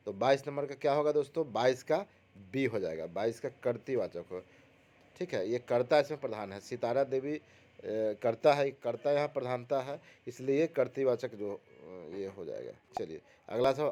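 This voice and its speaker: A man walks through multiple-choice exam questions one by one, his voice dark and mellow. He repeats each answer and keeps asking his listeners what it will be before answering himself. The pitch sits in the middle for a man. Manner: repetitive, asks the audience rhetorical questions. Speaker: exam prep teacher. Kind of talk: explaining quiz answers.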